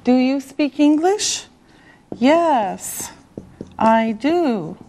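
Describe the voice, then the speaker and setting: Woman teacher for beginners, extremely slow and high-voiced, drilling each word with careful enunciation. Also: expressive, mellow, slight background noise. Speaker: English teacher. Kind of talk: beginner language lesson.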